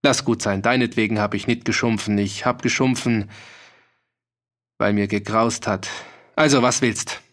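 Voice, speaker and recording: A man's voice: lowish voice, steady tone, moderate pace, fairly bright tone, natural voice. A man voicing a cheerful, roguish male mercenary with a dialect, jovial and teasing. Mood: mocking cheerful. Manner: jovial, teasing, bursts of laughter.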